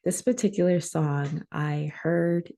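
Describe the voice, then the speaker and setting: Young woman, low voice, mellow dark tone, casual chatty workshop host, rapper. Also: takes it slowly. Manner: relaxed, chatty, frequent fillers. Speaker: rapper hosting a songwriting workshop.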